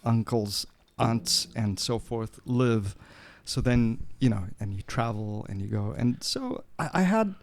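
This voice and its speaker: Guy in his 40s from portugal by way of mozambique, gravelly voice, chatty and jokey on a podcast. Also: mid-range voice, unhurried, hardly any pauses. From Portugal, raised in Mozambique. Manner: chatty, animated storyteller with playful asides. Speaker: guest musician. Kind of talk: casual podcast interview.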